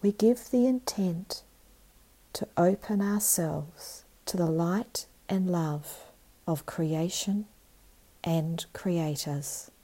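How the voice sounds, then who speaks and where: Female meditation narrator: calm and meditative, slightly low pitch, very slow delivery, soft and breathy. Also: low-quality recording. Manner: calm, meditative tone with long pauses. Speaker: meditation guide.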